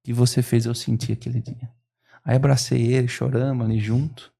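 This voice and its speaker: A man, a guest on a podcast, retelling a story with lively quoted dialogue. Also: medium pitch, fairly quick, vocal fry. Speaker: business owner guest.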